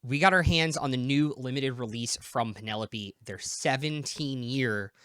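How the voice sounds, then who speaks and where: A man's voice: medium pitch, moderate pace, bright, forceful tone, smooth, dry recording, clean studio sound. A man in his thirties hosting a casual whiskey tasting, chatty and enthusiastic as he describes the flavors. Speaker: whiskey review host.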